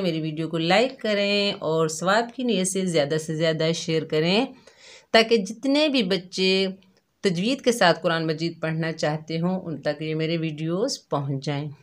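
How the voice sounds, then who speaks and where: A woman teaching young children to read Arabic letters, speaking gently and patiently and repeating each letter slowly. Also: lowish voice. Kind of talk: slow children's lesson.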